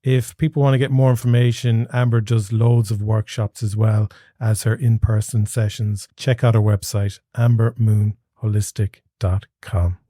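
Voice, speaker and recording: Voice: medium pitch, level tone, normal speed, hardly any pauses, warm tone, no room sound. A podcast host with a west of Ireland accent from Galway, speaking casually in an interview.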